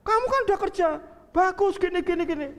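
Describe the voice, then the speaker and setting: A man voicing a fussy, protective older sister who scolds in a loud, high voice. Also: quick pace, big-room sound. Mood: indignant. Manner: insistent, high-pitched scolding.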